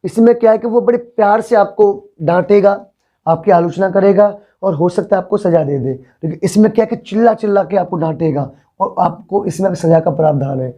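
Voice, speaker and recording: Mellow-voiced male vocabulary teacher. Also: high-pitched, brisk. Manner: explains patiently, repeats words, often asks the class if they follow. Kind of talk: classroom vocabulary lesson.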